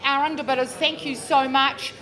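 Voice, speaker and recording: A woman working as a real estate auctioneer, calling bids live with drawn-out repeated figures and chatty coaxing of bidders. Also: high-pitched, little pitch movement, a crowd in the background. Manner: drawn-out, repeated bid calls. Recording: noisy live auction room.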